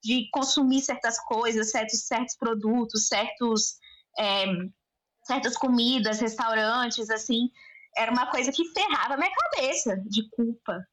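A woman's voice: on the high side, a little slow, rough recording. A woman, a podcast guest chatting casually and acting out the people in her stories. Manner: animated storyteller acting out quoted dialogue. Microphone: remote recording at home.

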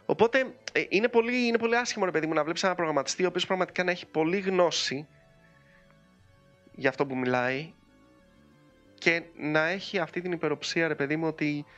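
A man hosting a podcast in casual chat, talking in a chatty, animated way with frequent fillers. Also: fairly high pitch, pauses often, faint music behind. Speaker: podcast host.

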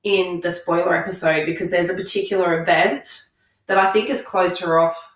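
A woman chats casually about books as a podcast co-host. Her voice is fairly low and croaky, creaking as phrases start. She sounds set back from the microphone in an echoey room. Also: fairly even intonation, moderate pace, distant mic. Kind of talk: casual book review chat.

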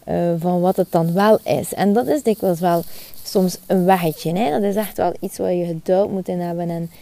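A woman's voice: on the low side, steady tone, normal speed, gravelly, dark tone. A woman, hosting a spiritual podcast monologue outdoors in the sun, earnest and repeating her phrases. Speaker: podcast host.

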